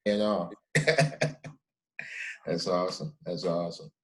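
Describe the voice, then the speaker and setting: A man's voice: low-pitched, fairly even intonation, unhurried, low-quality recording. A middle-aged man hosting a podcast, chatting casually and emphatically with his guest, often tossing in "man". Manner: emphatic, peppers speech with "man". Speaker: podcast host. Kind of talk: casual interview chat.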